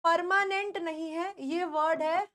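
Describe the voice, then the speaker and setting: Indian woman teaching english words, very high voice, says each word over and over and keeps asking the class how they'd say it. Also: fairly even intonation, fairly bright tone. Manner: drills words by repeating them slowly, asks the class questions. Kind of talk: spoken English pronunciation lesson.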